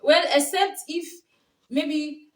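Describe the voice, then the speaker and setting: Laughing often, this young Yoruba-speaking vlogger and coach from Nigeria chats to camera with stories and casual relationship advice in her Nigerian accent. Her voice sits high, with fairly even intonation and a slow pace, and the audio sounds roomy and distant.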